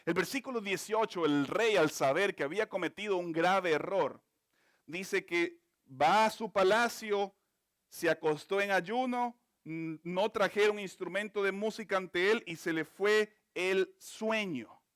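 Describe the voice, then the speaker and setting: A male pastor preaches with a high voice. He moves between loud, stressed lines and quiet, stretched-out phrases. The sound is dry and close, with no room echo. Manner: preaching with dramatic swings from loud emphasis to hushed, drawn-out phrases. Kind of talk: sermon.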